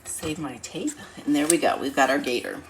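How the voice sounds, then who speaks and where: A low-pitched woman teaches a craft class in a casual, step-by-step way. Her voice is congested and nasal, as if her nose is blocked by a cold. There is some background noise on the recording. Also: normal speed. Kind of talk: casual demonstration, talking through each step.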